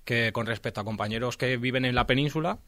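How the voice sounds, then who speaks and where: A man's voice: mid-range voice, a bit bright, dry recording. Man explaining steadily in a dry studio. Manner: measured, explanatory, with frequent fillers. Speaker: police officer guest. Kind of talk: radio interview answers. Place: radio studio.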